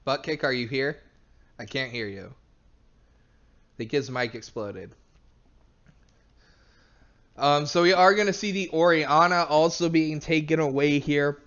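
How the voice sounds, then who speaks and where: A man's voice: on the high side, slow, long pauses, a bit bright, lo-fi sound. A man casting an esports match, chatty and analytical, laughing now and then. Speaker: esports caster. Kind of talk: play-by-play commentary.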